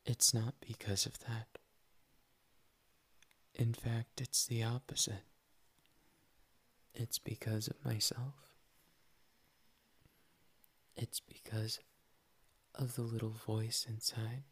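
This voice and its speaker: A man's voice: medium pitch, little pitch movement, slow, long pauses, breathy edge. A man voicing a shy, playful young male cat boy in a whispered ASMR roleplay, tender and teasing, slipping "nya" into his talk. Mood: wistful. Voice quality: soft whispery delivery.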